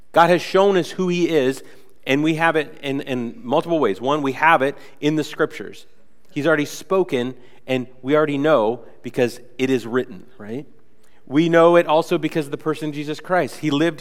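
Speaking on the high side, a young man preaches in a church sanctuary where his words ring out with a long reverb tail. The pastor keeps the sermon casual and conversational, filling it with chatter, and sounds a bit stuffed up from a cold.

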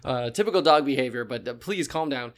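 Halting, mock-serious man hosting. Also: mid-range voice, expressive, a bit bright. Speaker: host. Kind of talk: mock talk show interview.

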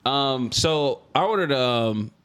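A man's voice: mid-range voice, expressive, slow, a bit bright, clean tone. Slangy American man chatting casually. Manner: slangy, profane. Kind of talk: casual group chat.

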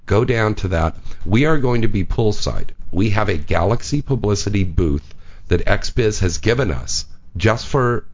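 A man hosting a casual radio talk show, excitable and profane. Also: deep voice, lo-fi sound.

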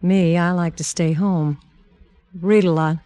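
A woman's voice: lowish voice, steady tone, unhurried, dark tone, no room sound, lightly acted. A woman as a sly scheming poisoner. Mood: coy. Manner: coy and sly, then taunting. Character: scheming young woman poisoner, cool and mocking. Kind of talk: 1940s radio drama acting.

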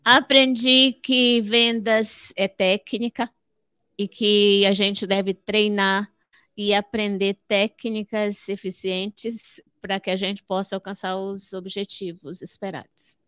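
This psychologist, an older woman from Fortaleza in Brazil's northeastern state of Ceará, is a guest on a podcast, explaining her answers to interview questions and repeating phrases to stress points. Her mid-range voice is level, slow, fairly bright and clean, with no echo.

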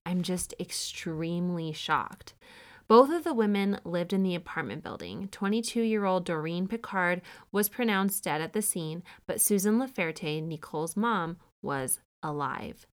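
A woman in her thirties talks through a recap in a loose, chatty way. She keeps throwing in sarcastic asides. Her voice sits a little low. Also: expressive, unhurried. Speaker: podcast host recapping a true-crime show. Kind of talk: casual commentary.

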